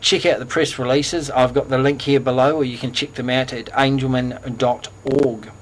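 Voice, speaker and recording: A man's voice: medium pitch, steady tone, moderate pace, slight background noise. A man with a New Zealand accent hosting a casual community news bulletin, upbeat and chatty with fillers.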